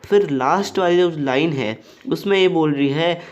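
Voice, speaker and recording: A man's voice: fairly high pitch, moderate pace, muffled recording. A young man explaining a Hindi poem line by line in a plain, repetitive way, often calling his viewers friends. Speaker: tutor.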